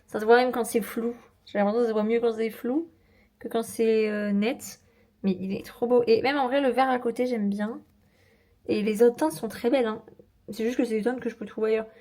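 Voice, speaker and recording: Chatty young woman vlogger, slightly high. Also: brisk. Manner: chatty, slangy, animated asides. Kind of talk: casual vlog chat, product unboxing.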